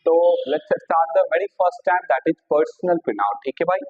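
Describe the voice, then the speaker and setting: Indian man teaching grammar, fairly high voice. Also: expressive, narrow, tinny audio. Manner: mixes Hindi and English, repeats "theek hai sir", dictates sentences slowly; argues playfully with imagined student questions. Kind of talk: classroom board lesson.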